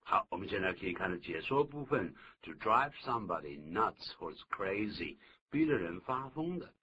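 An older man hosting a bilingual radio English lesson, explaining phrases in a lively way and acting out little scenes. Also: sits low, normal speed. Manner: lively explaining, acts out complaints. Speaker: English teacher, radio host. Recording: dull lo-fi radio recording with noise.

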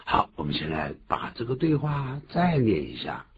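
A man hosting an English lesson, explaining words and pronunciation with lively emphasis. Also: normal speed. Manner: animated explaining, jumps high in pitch for emphasis. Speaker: English teacher host. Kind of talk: bilingual radio English lesson. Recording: dull lo-fi recording with faint hiss.

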